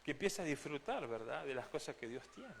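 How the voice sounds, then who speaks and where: A man's voice: fairly high pitch, big pitch swings, brisk, gravelly, slight background noise. A man from Argentina, preaching a sermon as pastor, earnest and direct, often asking the congregation questions. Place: church.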